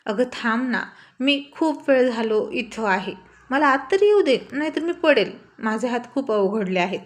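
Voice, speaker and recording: A nervous young man caught out, stammering and begging to be let in, with a woman narrator doing his voice. He talks louder and higher than the storyteller's own telling, in a spoken storybook. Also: moderate pace, natural voice. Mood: pleading. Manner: stammering, pleading. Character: young man caught peeking, flustered and pleading.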